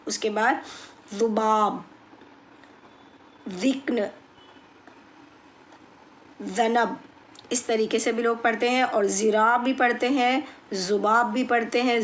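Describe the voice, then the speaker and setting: Woman, children's language teacher, patient, very slow pace, higher voice, faint room noise. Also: a bit bright. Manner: patient, repeats words slowly for pronunciation. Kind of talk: slow explanatory lesson.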